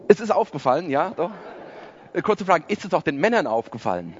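A man's voice: fairly high pitch, big pitch swings, brisk, dull audio, slight background noise. A man in his forties preaching a sermon to a congregation, conversational and self-deprecating. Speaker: pastor. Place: church service before a congregation.

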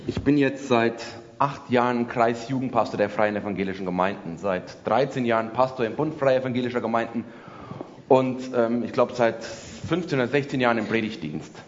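A man's voice: medium pitch, normal speed, dull audio, slight background noise. A man in his forties preaching a sermon to a congregation, conversational and self-deprecating. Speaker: pastor. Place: church service before a congregation.

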